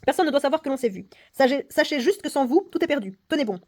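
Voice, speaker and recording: A woman's voice: high-pitched, expressive, fast talker, darkish tone. A woman reading as an anxious old lady. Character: frightened old woman, nervous and secretive.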